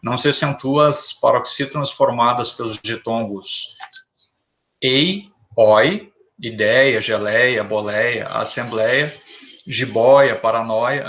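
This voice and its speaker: A man teaching a grammar lesson, talking slowly and deliberately and listing examples one word at a time. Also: mid-range voice, a bit bright.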